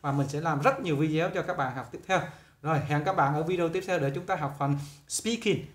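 A man, teaching English pronunciation and drilling each word slowly over and over while correcting common mistakes. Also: fairly high pitch, echoey room. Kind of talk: pronunciation lesson.

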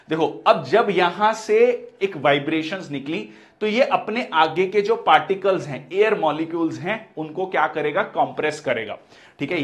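Higher-pitched male physics teacher. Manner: explains step by step, repeats key terms, frequent "theek hai" checks. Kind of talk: exam-prep lecture.

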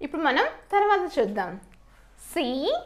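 A woman teaching English spellings step by step, spelling out letters and then saying each word loudly and drawn out, asking questions and answering them herself. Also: sits high, expressive, a little fast. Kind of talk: slow step-by-step spelling lesson.

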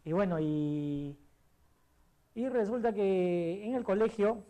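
Here a middle-aged Peruvian man, a sports columnist with a Peruvian Spanish accent, wanders through stories as an interview guest in a casual chat, stumbling over fillers and restarts. His voice sits high and has a dark tone, and he takes it slowly.

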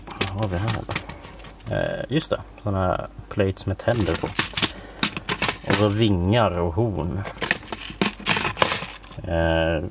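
Low-voiced man giving a relaxed tour. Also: gravelly, pauses often, very noisy. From Sweden. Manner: relaxed, listing parts with many fillers. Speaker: Lego collector showing his workshop. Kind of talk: casual room-tour narration. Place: home workshop room, dim lighting.

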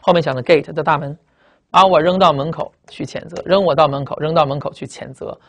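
A man teaching English vocabulary in a recorded lecture, explaining fast with lots of repetition and tag questions, speaking. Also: on the high side, fairly bright tone.

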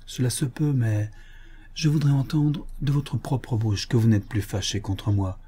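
A man's voice: dark tone, breathy edge. A man voicing a sinister commanding hypnotist. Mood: pleading. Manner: low imperious commands, slow and deliberate.

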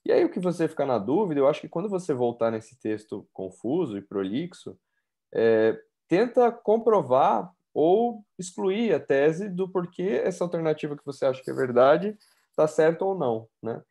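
A man reading exam questions aloud in a measured way and commenting on them. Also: on the high side, sing-song, mellow. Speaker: exam prep instructor.

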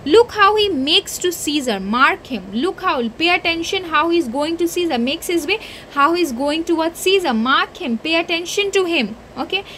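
A woman's voice: very high voice, expressive, normal speed, fairly bright tone, slight background noise. A woman teacher with an Indian English accent who reads lines from a play aloud and then restates them in simpler words, often repeating herself for exam students. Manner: reads quoted lines then paraphrases with repetition.

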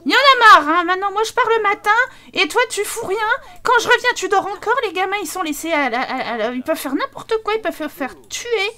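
A woman voicing a furious, overworked young mother in a life-sim game, shouting and scolding. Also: very high voice, expressive, brisk, pitched above the performer's own voice, full character voice.

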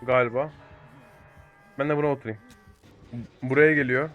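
A young man giving excitable live commentary over a multiplayer game, swearing and talking to teammates and viewers. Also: medium pitch, normal speed, dull audio, faint music behind. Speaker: gaming YouTuber.

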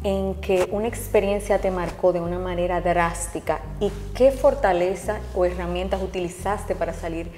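A woman's voice: on the low side, steady tone, normal speed, hardly any pauses, warm tone. A woman host who is a doctor, asking her guest questions in a conversational way. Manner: conversational, asks probing questions. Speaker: host, physician. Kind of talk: interview conversation. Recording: roomy reverberant room, faint music.

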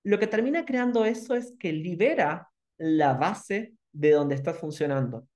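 A man with a Rioplatense Spanish accent teaching an online masterclass, animated and repeating questions with emphasis. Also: fairly high pitch, unhurried.

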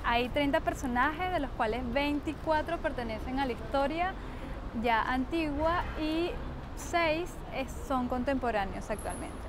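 A young woman from Venezuela speaks in a high voice, chatty and keen as she explains the sights. She is recorded outdoors on a lapel mic, with clear street noise and passing cars behind her. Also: expressive, unhurried. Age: young adult. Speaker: interviewee, tour guide. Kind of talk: casual outdoor interview.

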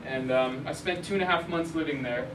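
Pitched fairly high and moving a little fast, a young Arizona man lectures with slides in a university lecture hall. The journalist is casual, using lots of ums and restarts. A far-off room mic picks him up amid echo and background noise.

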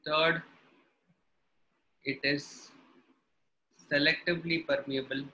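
Bright-voiced South Indian man teaching. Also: a little high, flat delivery, slow pace, a little hiss or hum, poor audio. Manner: instructional, repeats and rephrases points. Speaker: biology teacher. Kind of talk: live online lesson, explaining with short repeated examples.

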